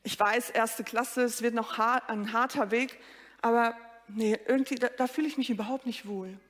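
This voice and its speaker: A sulky little first-grader, plaintive and talking straight to her listeners, put on by a woman. The voice sits fairly high. It rings out in a large hall with a long echo. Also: steady tone, moderate pace, close to an everyday voice. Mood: glum. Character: glum six-year-old girl who dislikes school.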